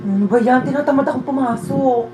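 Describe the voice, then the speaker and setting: A woman's voice: high-pitched, fast, very noisy. A young Filipino woman acting out comic family skits, exclaiming and bickering as she switches between roles. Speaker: comedy skit creator.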